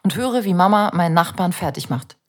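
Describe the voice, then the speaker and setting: A woman reads a personal memoir aloud, measured and introspective with an anxious undertone. Her voice sits a little low and has a breathy, husky grain. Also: expressive. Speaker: narrator.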